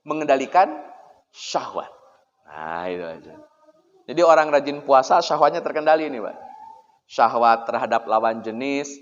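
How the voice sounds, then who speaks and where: A man preaching an Islamic sermon in a relaxed, conversational way, cracking jokes and speaking straight to his listeners. His voice sits a little high. The recording is muffled and rings with long hall reverb. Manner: chatty and joking, often addressing listeners directly. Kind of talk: casual sermon to a congregation. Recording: dull, echoey hall recording.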